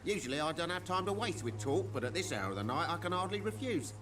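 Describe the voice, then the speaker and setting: A sneering merchant. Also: male voice, on the high side, very animated, quick pace. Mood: scornful. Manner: sneering, grudging. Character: scornful greedy male merchant. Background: game music.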